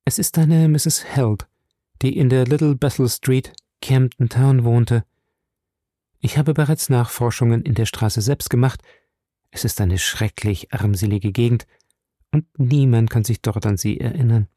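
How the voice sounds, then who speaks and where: A man's voice: mid-range voice, measured pace, mellow, dry recording, studio quality, close to an everyday voice. A man reading an audiobook, voicing an earnest, composed young woman.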